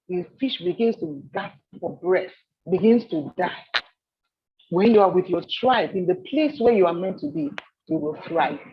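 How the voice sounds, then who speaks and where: A woman from Nigeria leading a soft skills training session, telling stories with animated repetition. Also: fairly high pitch, highs cut off, a little hiss or hum. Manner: animated storyteller, repeats phrases. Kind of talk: training seminar talk.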